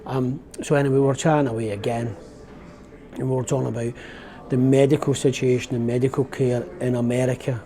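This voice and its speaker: This Glasgow man in his fifties, a vlogger, talks on a windy open-top bus tour, rambling chattily and reflectively while correcting himself as he goes. His dark, medium-pitched voice is brisk and shows little pitch movement.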